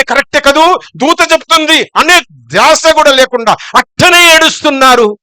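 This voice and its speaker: High bright-voiced preacher man. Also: clear, resonant tone, no room sound. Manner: blunt, scolding, shifts between loud calls and low asides. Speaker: pastor. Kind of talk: sermon.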